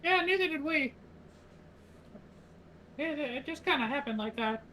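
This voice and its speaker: A man's voice: lively intonation, measured pace, bright, forceful tone, heavily acted. A man voicing a small, eager, artlessly cheerful adventurer in a tabletop role-playing game. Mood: matter-of-fact. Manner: high-pitched, artless, cheerful. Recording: noisy home voice chat.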